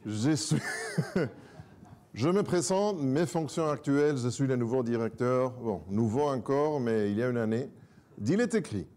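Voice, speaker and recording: A man's voice: medium pitch, a little slow. A man, a native Spanish speaker, giving a church talk as guest preacher in a joking, self-mocking way. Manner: joking, self-mocking, lively, moves a lot.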